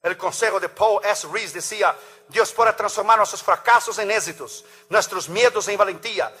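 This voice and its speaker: A man preaching a sermon, swinging between loud emphatic calls and quiet asides. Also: high voice, normal speed, husky. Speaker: pastor.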